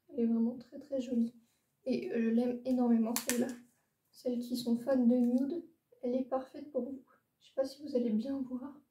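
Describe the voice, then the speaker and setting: A woman's voice: on the high side, warm tone. A young woman showing her makeup palettes in a casual, hesitant chat, full of fillers and repeated words. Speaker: beauty vlogger. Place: room lit by a ring light. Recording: roomy echo, a bit far from the mic.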